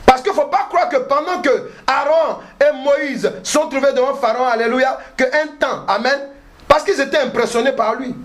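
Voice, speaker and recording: A male pastor preaching a sermon with emphatic call-and-response, peppered with alléluia and amen, breaking into shouts. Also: extremely high pitch, normal speed. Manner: bursts into shouting.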